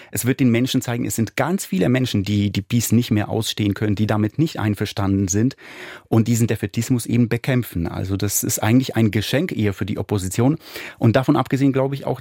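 A man's voice: fairly low pitch, darkish tone, no room sound, clean studio sound. A man giving conversational, unscripted commentary and analysis as a political commentator.

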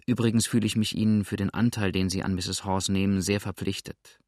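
A man's voice: low-pitched, fairly even intonation, fairly quick, a little mellow, no room sound, clean studio sound. A man voicing a cocky male criminal who stammers when caught off guard and then turns brusque and impatient. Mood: defiant.

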